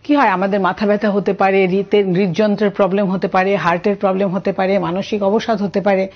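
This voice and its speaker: A woman's voice: mid-range voice, little pitch movement, fast. A woman with a Bengali accent teaching an online science class, asking students questions and explaining step by step. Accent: Bengali, from Tripura. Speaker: science tutor. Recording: muffled lo-fi audio.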